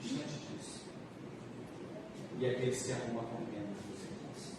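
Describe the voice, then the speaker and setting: A man with a Brazilian accent preaching a church sermon as a pastor, repeating phrases with drawn-out emphasis. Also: medium pitch. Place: large reverberant church room. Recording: echoey hall, distant mic, noisy.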